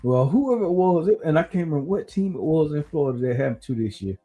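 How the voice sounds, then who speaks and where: A man hosting a casual podcast chat, rambling and thinking out loud as he talks. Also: fairly high pitch, fast talker, faint music behind. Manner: relaxed, rambling, talks through his uncertainty. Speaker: podcast host.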